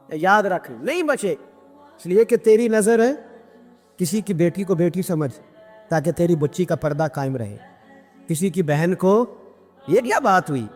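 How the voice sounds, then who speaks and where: A man preaching an impassioned sermon, telling stories with fervent, climbing emotion and quick Arabic recitation. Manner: fervent storytelling, pitch climbing as emotion builds. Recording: long hall reverb with background music.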